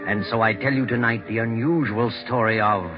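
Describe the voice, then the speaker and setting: An actor playing a sinister night-walking storyteller, narrating a 1940s radio mystery in a slow, brooding, theatrical way. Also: male voice, medium pitch, natural voice. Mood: ominous. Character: the Whistler, sinister night-walking teller of dark tales. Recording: muffled 1940s radio recording with music.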